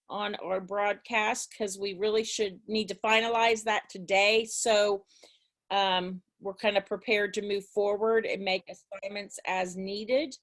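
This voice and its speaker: A woman's voice: mid-range voice, a bit bright. Woman, teacher, casual class chat, rambling, restarts often, video call. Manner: rambling, chatty, many restarts. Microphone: video call mic.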